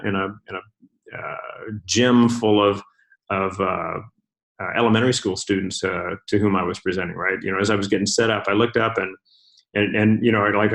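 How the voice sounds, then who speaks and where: A man's voice: fairly low pitch, gravelly, a bit bright. A middle-aged man giving a casual slide talk to his club, rambling with many fillers and restarts.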